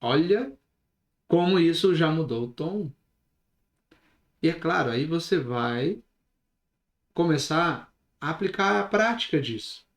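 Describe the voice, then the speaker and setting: Man, high voice, lively instructor, changes pace on purpose, echoey room. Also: slow pace, pauses often. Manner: lively, shifts pace and volume on purpose, asks listeners questions. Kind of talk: recorded online lesson.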